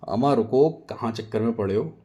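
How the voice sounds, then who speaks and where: A man voicing a calm, polite husband who smooths things over in a storybook tale. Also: mid-range voice, normal speed, natural voice. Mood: placating. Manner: calm, placating.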